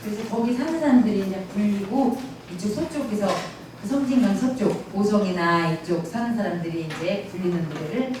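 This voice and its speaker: A folksy woman with a warm, mid-range voice gives a casual pansori lecture with audience questions in a cultural center's lecture room. She's chatty and mimics dialect phrases, picked up by a distant mic in an echoey hall with faint noise.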